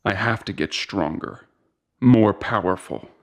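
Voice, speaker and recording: A man's voice: fairly low pitch, measured pace. A man voicing the wry adult inner thoughts of a reborn boy in an audio drama.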